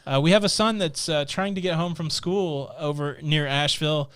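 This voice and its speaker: A middle-aged Midwestern American man co-hosts a live stream from a small studio with a purple backdrop, chatting casually and reading viewer comments into a boom-arm studio mic. His voice is on the high side, fairly bright, clear and resonant, at normal speed with no room sound.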